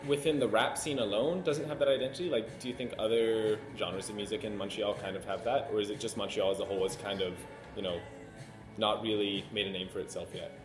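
A man hosting a casual interview, relaxed and full of "uh" fillers, on a low-quality recording from a loud room with a poor mic. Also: fairly quick. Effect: low-quality recording from a loud room with a poor mic setup. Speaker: radio host interviewer. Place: loud room at an event venue. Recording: echoey low-quality recording with music behind.

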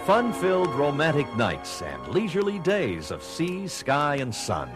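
A man narrates a travel promo with lively, swooping intonation over clear background music. The delivery is polished, florid and scripted to sell. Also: fairly high pitch, measured pace. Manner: florid, salesmanlike.

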